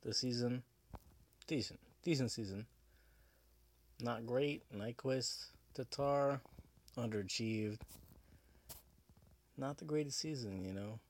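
A man's voice: medium pitch, slow pace, pauses often. A drunk man hosting a casual sports podcast alone, rambling, repeating himself and swearing. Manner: rambling, profane, repetitive. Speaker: podcast host.

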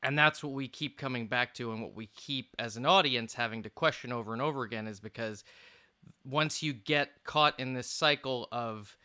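A man hosting a movie podcast, talking fast and excitedly, laughing often in casual chat. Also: medium pitch. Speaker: podcast host.

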